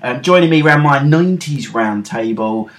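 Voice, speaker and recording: A man's voice: mid-range voice, animated, moderate pace. A middle-aged British man hosting a podcast in an informal, rambling, self-deprecating chat style. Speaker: podcast host.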